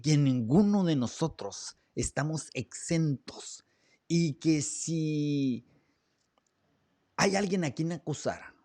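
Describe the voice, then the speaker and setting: A man hosting a reflective talk, earnest, asking rhetorical questions, with pauses and fillers, on a studio microphone. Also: a little high, a little mellow, dry recording. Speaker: host. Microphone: studio broadcast mic.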